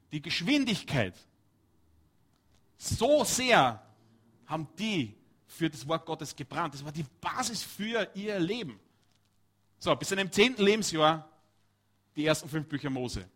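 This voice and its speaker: A man preaching a lively, chatty sermon, his voice sitting a little above the usual male pitch. He talks straight to his listeners, breaking off for quick asides and questions.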